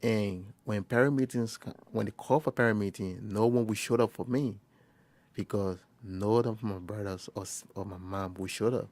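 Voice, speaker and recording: A young man from Liberia, a first-year college student, telling his story in an interview in a halting way, often restarting and quoting conversations. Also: fairly low pitch, fairly even intonation, a little mellow, dry recording. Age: young adult. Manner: halting, with frequent restarts and quoted dialogue. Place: quiet recording booth.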